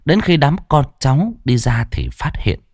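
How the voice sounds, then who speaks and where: A man narrating a ghost story as a storyteller, with expressive, dramatic delivery. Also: medium pitch, normal speed, breathy edge, dry recording, studio quality.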